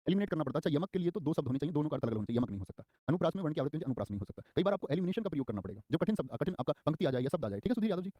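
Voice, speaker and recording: A young man runs a live online grammar class, talking quickly and firing questions at his students. His voice sits a little high but sounds mellow and soft-edged. He is recorded dry and close, with no room sound at all. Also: no echo. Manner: energetic, repeats key terms and quizzes students; acts out short quoted lines in a raised voice. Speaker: Hindi grammar teacher.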